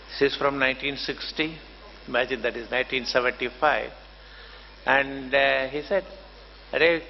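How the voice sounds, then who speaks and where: Older male academic, Indian accent, formal deliberate lecturer, reverberant hall with background noise. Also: medium pitch. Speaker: professor and conference speaker. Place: large conference hall. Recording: dull, noisy hall microphone, long reverb.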